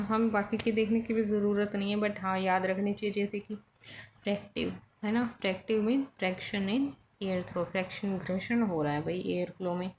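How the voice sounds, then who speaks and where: Slow-talking woman teacher. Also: mid-range voice. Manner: chatty, mixes Hindi and English, self-corrects. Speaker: exam prep teacher. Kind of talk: explaining quiz answers. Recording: dull lo-fi recording with faint background noise.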